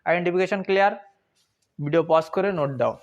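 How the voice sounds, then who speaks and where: A man's voice: high-pitched, fast, muffled recording. A young man teaching an online grammar lesson in a chatty, informal way, asking questions and answering them himself.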